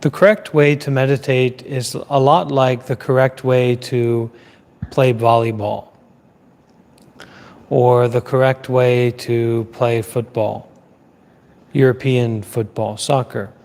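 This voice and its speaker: A man giving a live Dhamma talk as a Buddhist teacher. He speaks in a measured way, repeating phrases in lists with pauses. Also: mid-range voice, steady tone, a little mellow, big-room sound.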